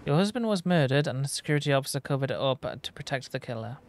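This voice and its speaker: Mid-pitched man playing through a game. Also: expressive, quick pace, slight background noise. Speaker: video game player. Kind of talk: game walkthrough, reading dialogue choices and commenting.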